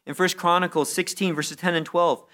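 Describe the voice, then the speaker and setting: A man's voice: high-pitched, steady tone, moderate pace, fairly bright tone. Earnest man preaching a sermon. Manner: earnest, repeats words when stuck, rises in intensity on key phrases. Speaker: pastor.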